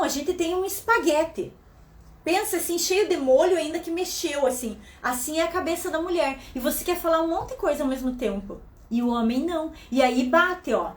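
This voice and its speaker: Animated woman in an echoey room. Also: extremely high pitch. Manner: talks fast and loud, very animated. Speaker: host. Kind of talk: motivational talk to women.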